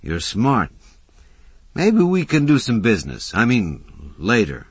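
A man's voice: on the low side, wildly swooping pitch, slow, slightly rough, dry recording, voice pushed up, heavily acted. A male reader voicing a shrewd, guarded shopkeeper who answers in short replies. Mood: warming.

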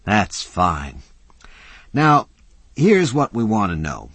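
A scrappy drifter coaxing a deal in a husky, folksy drawl, put on by a male audiobook reader. The voice sits higher than the reader's own and swings up and down with energy. The sound is close and dry. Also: huge pitch swings, slow pace, a bit bright, no echo, full character voice. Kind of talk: audiobook character voice.

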